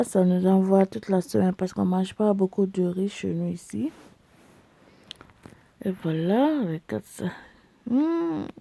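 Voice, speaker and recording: A woman's voice: medium pitch, creaky, warm tone. A tired woman vlogging casually while she cooks, chatting playfully to her viewers. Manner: playful, talks to viewers and herself while cooking. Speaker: cooking vlogger. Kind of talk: casual vlog chat, switching between languages.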